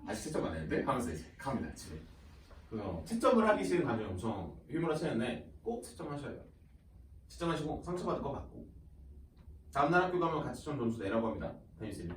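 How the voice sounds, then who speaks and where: A male high school teacher talking casually to his students, chatty and animated, often acting out students and teachers in quoted asides and laughing along the way. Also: fast talker, a little hiss or hum. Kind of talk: casual classroom talk to students. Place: classroom. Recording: roomy classroom sound from a distant mic.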